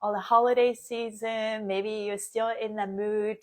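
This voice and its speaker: A woman's voice: medium pitch, level tone, a little slow, a little mellow. A woman born and raised in Japan, hosting a casual live stream, chatty with frequent laughs and many fillers. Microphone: phone or webcam, live stream.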